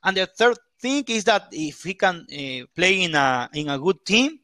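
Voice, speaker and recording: A man from Ecuador, a football pundit in an interview, halting as he searches for English words. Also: high voice, very animated, sharp tone, no room sound.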